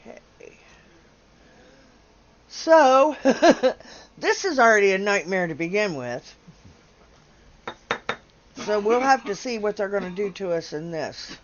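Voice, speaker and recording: A woman's voice: medium pitch, big pitch swings, slow, long pauses, dull audio. A woman hosting a casual game livestream, chatty, laughing often and tripping over names. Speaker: livestream host.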